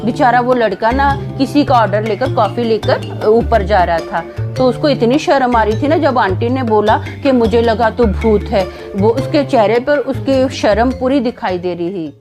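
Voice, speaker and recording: A woman's voice: a little high, moderate pace, over music. A woman telling a story in a casual, chatty way, laughing at it as she goes. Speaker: storyteller vlogger.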